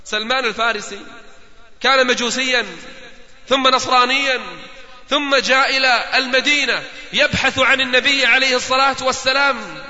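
A man's voice: very high voice, fairly even intonation, moderate pace, pauses often, pushed and bright. A male preacher telling a story in an impassioned sermon and calling out directly to his listeners. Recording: dull lo-fi sound with long hall reverb.

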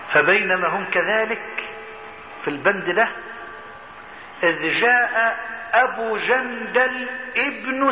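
A man with an Egyptian accent preaching a storytelling sermon, talking straight to his listener and bursting into loud lines. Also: very high-pitched, slight background noise. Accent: Egyptian Arabic. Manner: animated, addresses listener directly, bursts into loud quoted lines. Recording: muffled echoey hall.

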